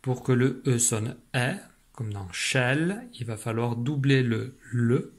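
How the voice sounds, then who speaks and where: A man's voice: medium pitch, takes it slowly. A man teaching a spelling dictation lesson, speaking patiently, repeating each syllable and sometimes whispering it. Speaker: primary school teacher.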